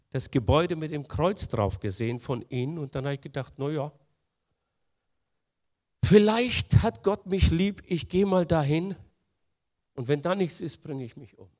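A man preaching a sermon, earnest, moving between quiet, soft passages and emphatic, louder lines. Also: on the high side.

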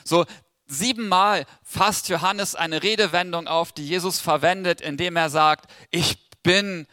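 A man delivers a sermon to a church congregation, talking into a handheld microphone. His voice sits a little high and sounds bright and forceful, with a dry, close sound. He keeps drawing the listeners in with questions and light jokes. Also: measured pace, dry recording. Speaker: preacher.

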